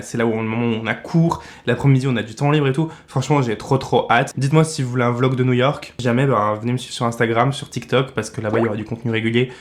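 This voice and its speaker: A man in his twenties with a French accent, chatting casually in a beauty vlog and giving blunt product verdicts. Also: medium pitch. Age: 20s. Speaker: beauty vlogger.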